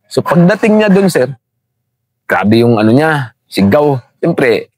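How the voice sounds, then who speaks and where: A man's voice: medium pitch, big pitch swings, slow pace, a little mellow, no echo. A middle-aged man, an interview guest and former rebel fighter, telling his story conversationally and politely calling the host sir. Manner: deferential, calls the host sir often.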